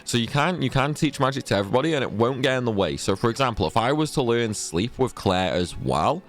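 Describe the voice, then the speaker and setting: A man's voice: medium pitch, lively intonation, fast, soft background music. A man talking through a game walkthrough in a chatty, rambling way, often correcting himself, and fighting off a sneezing fit. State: sneezy, stuffy from a cold. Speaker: gaming guide creator. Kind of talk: casual game walkthrough commentary.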